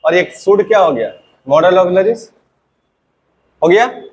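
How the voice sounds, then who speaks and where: A man teaching an English grammar lesson to a class, asking the students questions and answering them himself, and saying example sentences slowly again and again. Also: high-pitched, animated, slight background noise.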